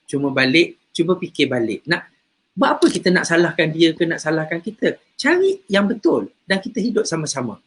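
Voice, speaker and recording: A man's voice: fairly high pitch, big pitch swings, fairly quick, slightly rough. A man, a religious teacher, talking casually about faith and character, telling stories and repeating words as he goes. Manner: chatty storyteller, repeats words.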